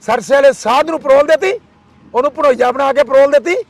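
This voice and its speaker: A man's voice: very high voice, no echo. A man giving an impassioned interview, firing off rhetorical questions and repeated demands. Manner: fiery, rhetorical, repeats demands in rapid lists.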